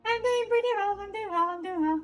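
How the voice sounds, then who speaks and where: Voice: very high-pitched, a little fast. A streamer heard through a voice changer, chatting casually and giggling while greeting viewers by name. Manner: giggly, greets chat by name, frequent laughs. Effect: voice changer, acting oddly today. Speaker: streamer playing and reacting. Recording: faint game music behind.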